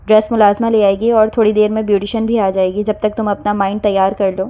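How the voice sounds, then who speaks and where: A woman's voice: mid-range voice, flat delivery, dark tone, natural voice. A woman voicing a domineering young man who speaks coolly and firmly. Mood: stern. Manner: cool, firm, commanding.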